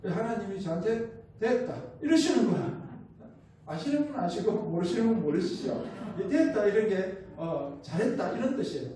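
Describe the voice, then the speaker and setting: A high-pitched man with a Gyeongsang accent preaches a missionary's sermon, acting out what others said to him. His tone is soft and mellow rather than bright. The recording comes through a booming church hall from a mic set well back, with faint room noise. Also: animated, brisk, distant mic. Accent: Gyeongsang Korean. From Gyeongsang region, South Korea. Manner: storytelling with rhetorical questions and acted-out quotes. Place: church sanctuary.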